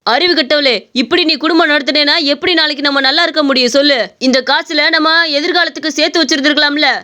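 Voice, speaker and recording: A woman's voice: high-pitched, fairly even intonation, fast talker, sharp tone. Woman voicing a stingy scolding husband. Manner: scolding, penny-pinching. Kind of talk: animated storybook voice acting.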